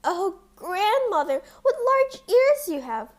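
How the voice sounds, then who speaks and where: A woman's voice: extremely high pitch, very animated, slow pace, voice pushed up, exaggerated voice. A woman playing an innocent, polite little girl from a fairy tale, earnest and wide-eyed. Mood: alarmed wonder.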